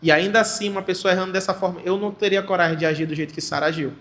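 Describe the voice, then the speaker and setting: A man pastor with a Maranhão accent preaching a fervent sermon in church, often breaking into shouted exclamations. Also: high voice, steady tone, rapid-fire. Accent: Maranhão Portuguese.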